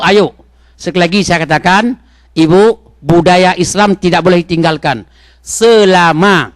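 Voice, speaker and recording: A man from Indonesia preaching a sermon in a mosque, talking straight to the congregation with questions and swinging from loud exhortation to soft asides. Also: a little high, no echo.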